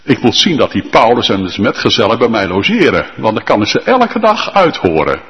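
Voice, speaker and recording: A male pastor preaching a sermon with fervent emphasis and drawn-out, emphatic lists. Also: lowish voice, sing-song, fairly bright tone, long reverb tail, dull audio.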